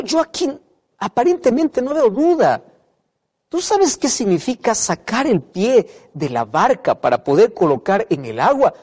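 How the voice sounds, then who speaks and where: A male preacher delivers a sermon with a lively, swinging delivery that rises and drops sharply. He stresses his points by repeating phrases and putting questions to his listeners. His voice carries a long echo from a large hall. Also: on the high side, husky. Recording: reverberant hall.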